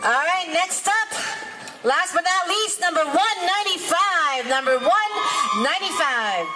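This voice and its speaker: A woman announcer loudly calling out contestant numbers to hype up a live event. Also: extremely high pitch, lively intonation, unhurried. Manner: loud, projected calling out of numbers. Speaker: competition announcer. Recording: very noisy live event sound.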